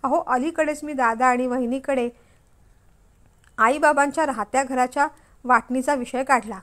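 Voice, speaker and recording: A woman's voice: high voice, steady tone, moderate pace, a bit bright. A woman voicing a young wife who coaxes and pleads with her husband in a storybook. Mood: pleading. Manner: pleading, persuasive. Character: worried young wife, coaxing then defiant.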